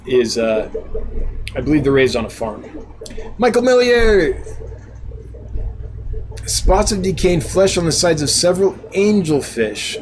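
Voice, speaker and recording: A chatty man hosting a live stream, with a slightly higher voice than most men. He reads viewer comments aloud and answers them, laughing often at his own mistakes. A faint hiss of noise sits under his voice. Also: rough recording. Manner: laughs often, self-deprecating. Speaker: live stream host and fish seller. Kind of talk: casual live chat.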